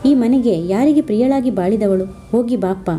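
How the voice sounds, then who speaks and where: A woman's voice: on the high side, moderate pace, warm tone, natural voice. A woman reading as a harsh mother-in-law. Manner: harsh, taunting.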